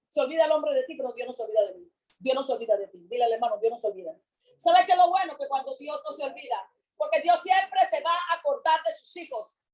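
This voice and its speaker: A woman preaching a sermon with fervor, repeating her phrases and swinging between loud calls and hushed words. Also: sits high, lively intonation, fast talker, poor audio.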